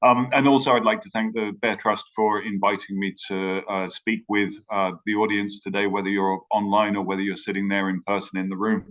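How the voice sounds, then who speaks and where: A man's voice: fairly low pitch, level tone, a little fast, few pauses, a bit bright. A man from Ireland with a British accent, giving a remote conference talk, hesitant with many fillers and restarts. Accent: British English. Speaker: conference speaker. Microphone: video call.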